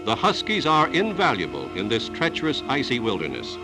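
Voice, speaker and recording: A man narrating an old newsreel in a measured, declarative announcer delivery. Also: medium pitch, huge pitch swings. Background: music score.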